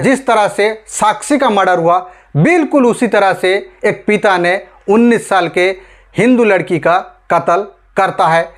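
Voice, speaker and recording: This is scripted online news commentary from a man from India whose voice is high-pitched. He talks to the audience directly as friends, pressing his points emphatically with rhetorical questions.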